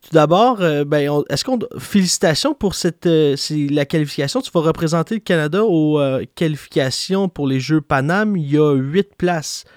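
A Québécois man hosts a casual podcast in a slightly high voice, chatty and full of little hesitations. The sound is close and dry, with no room around it. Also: moderate pace, hardly any pauses, no room sound. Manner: chatty, hesitant with many fillers. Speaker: podcast host. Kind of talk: casual boxing podcast chat.

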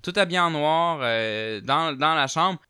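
A Québécois man voicing a panicked adult man shouting urgent warnings, bright and clear. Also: a little high, animated, a little slow, dry recording, clean studio sound. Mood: shaken.

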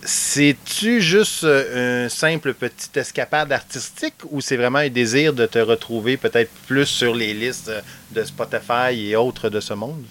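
A man's voice: mid-range voice, unhurried, hardly any pauses, a bit bright, slight background noise. A man with a Québécois accent hosting a casual interview, chatty and playful, with hesitant restarts and self-mocking asides. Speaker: radio host.

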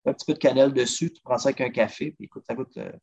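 Racing along in a gravelly, husky mid-range voice, a Québécois podcast guest eagerly walks through recipes. He's a drummer and food traveler, chatty and lively in this casual interview, repeatedly throwing in "listen." The recording is dull lo-fi.

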